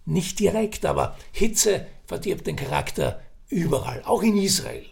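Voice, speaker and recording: A man's voice: sits high, big pitch swings, unhurried, gravelly, voice pushed up, exaggerated voice. A man voicing an older, chatty and scheming businessman in an audiobook reading. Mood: lecturing. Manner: persuasive, wheedling, talkative.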